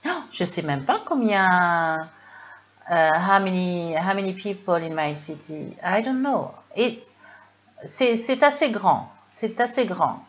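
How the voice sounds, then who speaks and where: A woman with a French accent teaching English in a live webinar, lively and full of fillers, reading chat questions aloud. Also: lowish voice, slow. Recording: dull lo-fi webinar audio.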